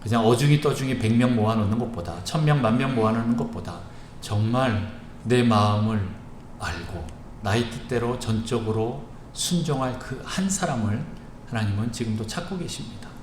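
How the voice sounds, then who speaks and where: A male pastor gives an evening sermon in an echoey church sanctuary. He speaks earnestly and with emphasis, pausing often between phrases. His voice sits at a middle pitch, with a faint hiss under the room's echo. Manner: earnest and emphatic, with frequent pauses.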